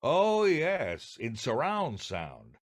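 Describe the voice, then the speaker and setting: An older man from New Jersey in the United States co-hosts a podcast full of jokey, theatrical scripted banter. He speaks extremely slowly, with a voice on the high side and huge pitch swings.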